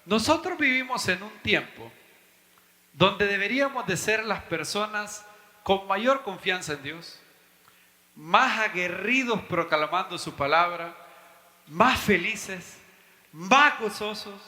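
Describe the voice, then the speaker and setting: A man's voice: high voice, lively intonation, slow pace, pushed and bright, echoey room, long reverb tail. A man preaching a teaching sermon to his congregation, emphatic, his voice leaping up to stress points. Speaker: pastor and Bible teacher.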